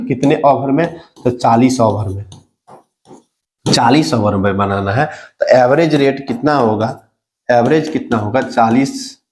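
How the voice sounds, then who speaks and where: A man's voice: medium pitch, a little mellow. A man teaching a math lesson for exam prep, talking through sums step by step and asking the student questions that he answers himself. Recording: echoey room recording.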